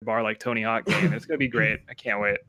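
A man's voice: fairly low pitch, quick pace, pushed and bright. A man co-hosting a casual gaming podcast on a call, joking and swearing, reading lore aloud with mock drama. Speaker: podcast co-host.

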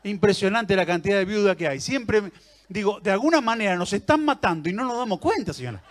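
A man's voice: high-pitched, animated, fast talker. A man with an Argentine accent doing live stand-up comedy on a theater stage, teasing and chatting with the audience. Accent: Argentine Rioplatense Spanish.

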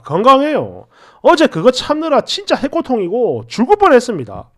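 A man's voice: extremely high pitch, fairly bright tone. A young man narrating a story in a chatty, exasperated way.

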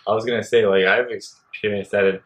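A man's voice: fairly low pitch, little pitch movement, fairly quick, a bit bright. A young man hosting a casual interview, speaking with a stutter, with blocks and repeated words. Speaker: host.

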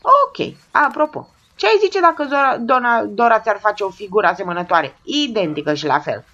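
A woman's voice: fairly high pitch, animated, a bit bright, voice pushed up. A woman voicing an amused, ironic man who teases his friends sweetly and sarcastically, on a dull lo-fi recording. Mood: teasing. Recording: dull lo-fi sound.

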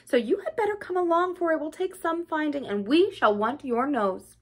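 Lady doing a kindly storybook rat chap, high voice, chummy old-fashioned gent, loyal pal type. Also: moderate pace, close to an everyday voice. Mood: hearty, brisk. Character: kindly, hearty gentleman rat, brisk loyal friend. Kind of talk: storybook character acting.

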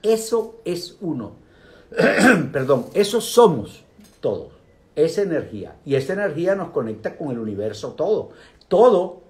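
An older man gives a casual, animated talk on meditation, speaking directly to his viewers. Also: a little high, measured pace. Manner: animated, speaks directly to viewers, asides and vocal sound effects.

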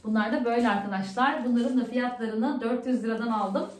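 A woman's voice: a little high, a little fast, roomy sound. A woman vlogger chatting casually at home, talking on in an upset, ranting way. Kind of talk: casual vlog chat.

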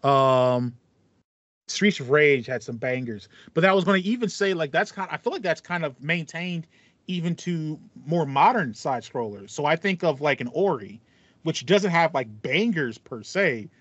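Chatting casually about video game music, a man in his thirties uses a fairly high voice with lively intonation and a fairly bright tone, at normal speed. He's an enthusiastic podcast co-host who explains things ramblingly. He's indoors in a small home room with foam panels, on a headset over a video call, giving dry, slightly muffled audio.

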